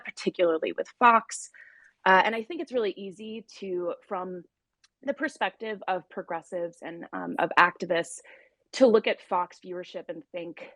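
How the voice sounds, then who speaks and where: A woman speaking thoughtfully on an online panel, pausing with fillers as she lays out her points. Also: fairly low pitch, fairly bright tone, no room sound. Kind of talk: panel discussion. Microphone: audio-only online talk.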